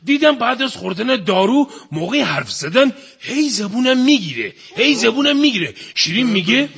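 A man's voice: very high-pitched, very animated, gravelly, fairly bright tone, slightly rough, full character voice. A man playing a joking, bumbling middle-aged husband in a comedy sketch, cracking jokes with a laugh. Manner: wisecracking, laughing through lines. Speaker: comic storyteller in a sketch.

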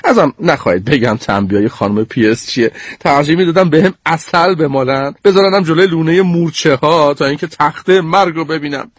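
A man reading a children's story aloud in a playful, animated way, often chuckling. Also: a little high, hardly any pauses, dry recording. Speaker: narrator.

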